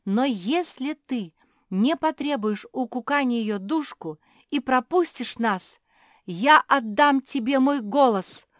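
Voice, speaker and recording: A woman's voice: high voice, lively intonation, takes it slowly, dry recording, studio quality, pitched above the performer's own voice. A woman voicing a small animal girl who is a proud, gifted singer, pleading earnestly in a storybook reading.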